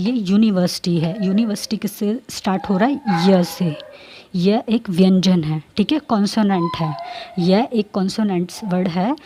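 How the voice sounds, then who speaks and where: A woman's voice: mid-range voice, background noise. A woman teacher explaining a grammar lesson to students, repeating her points and checking in with them often.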